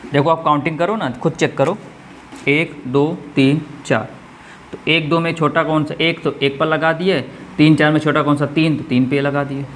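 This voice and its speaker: Male chemistry tutor, slightly high voice, asks and answers his own questions, faint noise behind. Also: level tone, moderate pace, fairly bright tone. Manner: asks students questions and answers them himself; counts out steps one by one. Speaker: chemistry teacher. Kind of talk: classroom lesson at a board.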